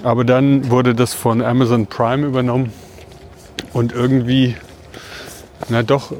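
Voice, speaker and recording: A man's voice: medium pitch, little pitch movement, measured pace, a little mellow. A man co-hosting a casual podcast, talking as he walks outdoors through the city. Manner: talking while walking outdoors. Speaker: podcast co-host. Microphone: wireless transmitter mic. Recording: faint urban street noise.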